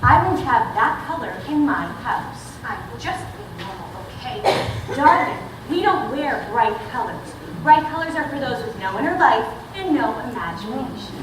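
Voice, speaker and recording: A woman's voice: high-pitched, animated, moderate pace. A woman playing an elegant gothic mother with a poised, dry, disdainful manner on a stage recording. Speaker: actor in a stage musical. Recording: echoey theatre audio from far off, noisy.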